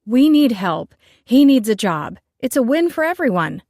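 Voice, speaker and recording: A woman's voice: on the high side, sing-song, normal speed, dry recording, clean studio sound, voice pushed up. A woman voicing a petite, fiery female chef who talks raised and emphatic. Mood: defiant.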